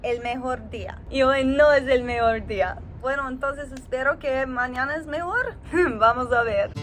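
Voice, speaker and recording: A tired woman who is a native English speaker with an American accent, recording a casual video diary in a learner's slow, careful Spanish, searching for words and laughing at herself. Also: high-pitched, a bit bright.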